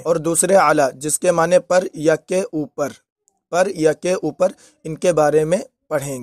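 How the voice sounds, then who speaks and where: Male teacher, fairly high voice, slow repeated examples, dry close sound. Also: a little mellow, no room sound. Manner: repeats each example slowly. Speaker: Arabic teacher. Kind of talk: lesson.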